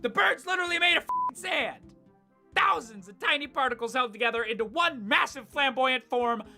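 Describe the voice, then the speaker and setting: A man with a Canadian accent doing scripted comedic narration over gameplay, sarcastic with deadpan asides and sudden outbursts. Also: very high voice, moderate pace, faint music behind. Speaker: gaming comedy YouTuber.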